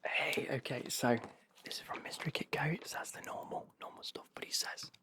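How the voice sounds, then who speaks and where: A man giving a casual whispered ASMR unboxing as host, rambling and correcting himself in a breathy whisper. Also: medium pitch, steady tone, brisk, bright, forceful tone. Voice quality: breathy whisper with creaky edges.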